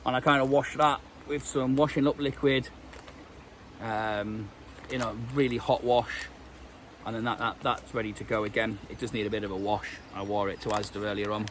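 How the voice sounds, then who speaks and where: With a low voice and little pitch movement, this British vlogger chats at a normal speed while suffering from a stuffy cold. His tone is a bit bright, and he rambles with many ums and restarts in woodland with slight background noise.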